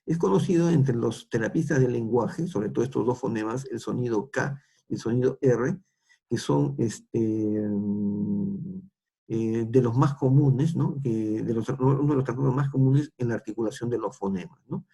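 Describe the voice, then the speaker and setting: A man's voice: medium pitch, normal speed, vocal fry, dark tone, breathy edge. A middle-aged man with a Peruvian accent, lecturing students and tagging nearly every phrase with a question, with frequent restarts. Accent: Peruvian Spanish. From Peru.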